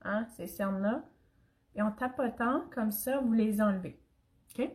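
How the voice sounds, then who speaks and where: A woman's voice: medium pitch, unhurried, darkish tone. A young Acadian woman from Canada, sick with an irritated throat, chatting through a makeup tutorial and talking to her viewers. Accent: Acadian French. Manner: chatty, addresses viewers and live commenters. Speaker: makeup demonstrator.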